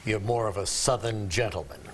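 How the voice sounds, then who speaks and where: A man hosting a talk show, asking the guest brisk questions in an upbeat way. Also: fairly low pitch, a little hiss or hum.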